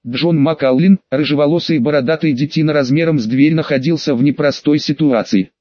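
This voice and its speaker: Man narrating an audiobook, slightly high voice. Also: no room sound, highs cut off. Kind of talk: scripted first-person narration.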